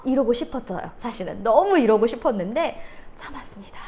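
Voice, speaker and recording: A woman in her thirties sharing a parenting story in an animated, storytelling way. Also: on the high side, a little fast. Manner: animated, acts out her children's voices with laughter. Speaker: parenting educator. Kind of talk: storytelling talk.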